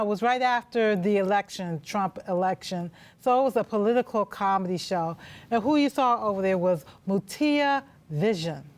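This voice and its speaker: Casual woman hosting a live TV talk show. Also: a little high. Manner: casual, loose, conversational, inviting callers. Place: TV studio.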